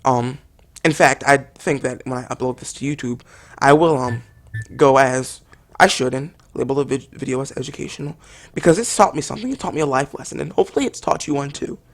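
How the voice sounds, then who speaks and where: A woman's voice: a bass voice, brisk. A woman delivering an overdramatic, mock-earnest parody review monologue as a game reviewer.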